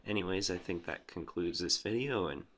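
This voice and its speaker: A man's voice: sits low, moderate pace, a bit bright. A man presenting a casual electronics demo, explaining as he goes like a hobbyist.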